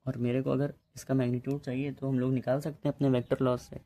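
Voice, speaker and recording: A man's voice: medium pitch, level tone, fast talker, mellow. A man teaching a physics lesson in a casual, chatty way, often checking in with his students. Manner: chatty, addresses students as bhai, repeats ok.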